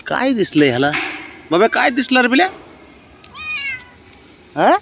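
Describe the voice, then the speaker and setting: A man's voice: very high-pitched, very animated, unhurried, background noise. Man coaxing his pet outdoors. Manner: coaxing, doting baby talk, gently scolding. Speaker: vlogger walking his pet cat. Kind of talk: casual talk to a pet. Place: outdoors, in sun and shade.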